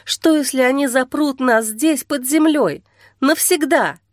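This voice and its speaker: Panicked headstrong young woman as a woman narrator plays her, pushes high when upset. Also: unhurried, dry recording, studio quality. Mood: anxious. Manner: urgent, pleading, rises high when upset. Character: frightened, stubborn young woman desperate to escape.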